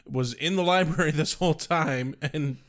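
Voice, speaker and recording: A man's voice: on the high side, normal speed. A man co-hosting a podcast, talking bluntly and swearing often in casual chat. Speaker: podcast co-host.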